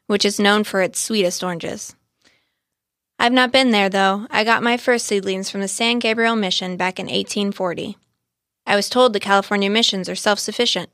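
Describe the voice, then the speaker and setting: A woman voicing a proud, gentle orange grower. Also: medium pitch, dry recording, clean studio sound, lightly acted. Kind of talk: storybook narration.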